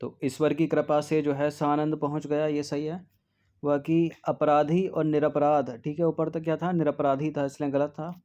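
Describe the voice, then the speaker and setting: A man working through test answers as a tutor, dwelling on each spelling and saying it twice. His voice sits a little high but stays flat and even. The tone is mellow and soft rather than bright. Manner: drills spellings slowly, repeats words, frequent "ठीक है". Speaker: Hindi exam tutor. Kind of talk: test-series answer walkthrough.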